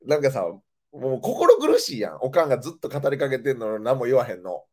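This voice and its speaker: A man from Nara with a Kansai accent, hosting a casual chat and telling stories in an animated, expressive way. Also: mid-range voice, a little fast. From Nara, Japan. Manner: animated, expressive storytelling with laughter. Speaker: host.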